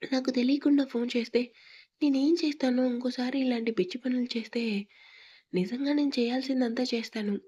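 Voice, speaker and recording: A woman voicing a possessive, domineering young husband in a storybook reading, stern and threatening, with a husky tone. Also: sits high, fairly even intonation, brisk, dark tone, highs cut off. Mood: menacing.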